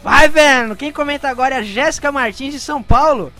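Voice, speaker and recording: Very high-voiced young male podcast host. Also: fairly quick, bright, forceful tone. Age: 20s. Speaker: podcast co-host reading listener comments. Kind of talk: casual podcast banter.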